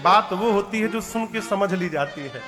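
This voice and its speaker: A middle-aged man preaches in a high, ringing voice. He acts out each character as he tells the story and slides into chanted verses. His voice rings out across a big reverberant hall over devotional music. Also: expressive, moderate pace. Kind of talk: devotional katha sermon with sung verses. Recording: large hall with long reverb. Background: devotional music playing.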